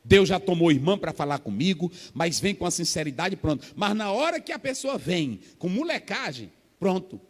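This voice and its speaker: A Brazilian pastor preaches with a high, swinging voice that climbs and drops all over. His sermon rings with long reverb through a big church hall. He talks animated, acting out little scenes. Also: moderate pace, few pauses. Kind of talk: Pentecostal sermon.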